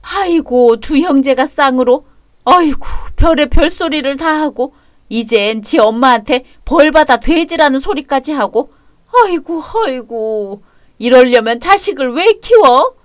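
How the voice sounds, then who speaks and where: A woman voicing an older, self-pitying mother-in-law who loudly wails and protests in a radio drama. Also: medium pitch, expressive, brisk, hardly any pauses, no echo, clean studio sound, lightly acted. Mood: wailing. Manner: wailing, loud, exclamatory complaints. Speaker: voice actor. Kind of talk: Korean web radio drama acting.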